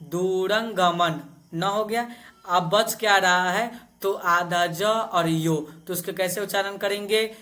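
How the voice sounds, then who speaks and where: Man chanting Vedic verses, flat and slow. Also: sits high. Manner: slow chanted recitation alternating with quick spoken explanations. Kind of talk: syllable-by-syllable recitation lesson.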